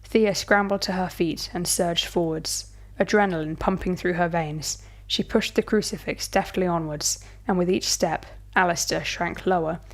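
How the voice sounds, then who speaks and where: A woman storyteller giving a measured, dramatic scripted horror narration. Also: on the low side, fairly even intonation.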